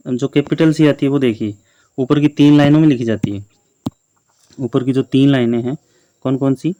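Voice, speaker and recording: A man teaches letters to young children, speaking very slowly and repeating each letter and word patiently. His voice sits at an ordinary middle pitch. The sound is dry and close, with no room echo. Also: warm tone. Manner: patient, repeats letters and words many times. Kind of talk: slow classroom lesson for young children.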